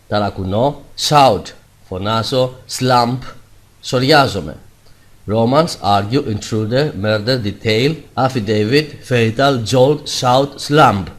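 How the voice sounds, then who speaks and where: A man teaching English vocabulary, saying each English word louder and slower before its translation. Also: medium pitch. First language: Greek. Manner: says English words louder and slower, then Greek translations. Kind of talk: vocabulary lesson.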